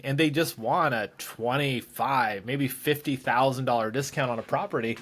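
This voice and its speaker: A man's voice: medium pitch, moderate pace, a bit bright. A man hosting a real estate podcast, chatting casually with a guest, joking and running through market figures. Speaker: podcast host.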